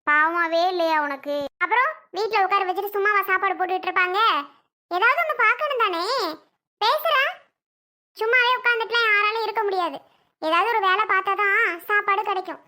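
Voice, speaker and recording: A woman's voice: very high voice, a little fast, bright, forceful tone. A woman playing a pleading, self-blaming mother in an amateur family drama skit. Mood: scolding. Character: pleading mother, wife of a failed son.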